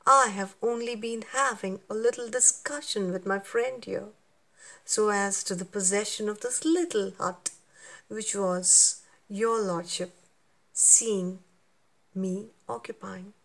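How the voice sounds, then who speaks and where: A woman reading aloud as a scheming male elephant minister who flatters in a soothing way, at a slow pace. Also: medium pitch. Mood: flattering.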